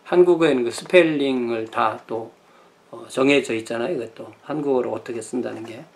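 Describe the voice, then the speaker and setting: Man lecturing slowly with many fillers. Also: mid-range voice, vocal fry, a little hiss or hum. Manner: thinking aloud with many fillers and self-corrections. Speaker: pastor teaching church history. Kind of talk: lecture on Reformation history.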